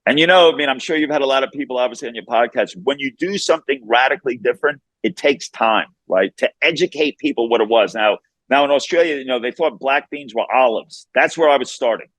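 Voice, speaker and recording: A man speaks with a Brooklyn, New York accent in a casual interview. His delivery is brisk and informal, with street-casual phrasing. The sound is dry, with very little room on it. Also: medium pitch, fairly bright tone, no room sound, rough recording. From Long Island, New York. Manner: informal, peppered with "man" and "you know". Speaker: fast-food founder, interview guest.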